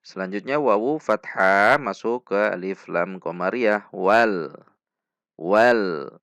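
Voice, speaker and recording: A man teaching Quran recitation, slowly drilling each syllable and sound again and again. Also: on the low side, fairly bright tone, clean tone, dry recording. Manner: slow, deliberate, repeats syllables for drill. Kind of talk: tajweed pronunciation lesson.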